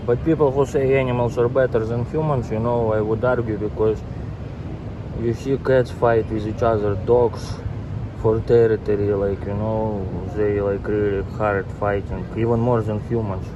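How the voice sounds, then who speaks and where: A man from Russia with a Russian accent, chatting casually in halting, rambling English as a travel vlogger live-streaming. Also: lowish voice, flat delivery, lo-fi sound. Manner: halting, rambling English with repeated filler words. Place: walking around city streets and shops at night. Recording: noisy city street, traffic and hum.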